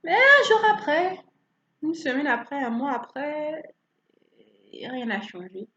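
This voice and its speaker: A woman preaching a sermon in an animated way, asking rhetorical questions and acting out people's attitudes. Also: high-pitched, takes it slowly. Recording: roomy, slightly dull recording.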